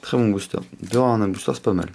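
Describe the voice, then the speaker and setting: A man with a slight lisp hosting a casual unboxing, chatting in an excitable way. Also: lowish voice, quick pace, creaky, very noisy. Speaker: host of a card pack opening video.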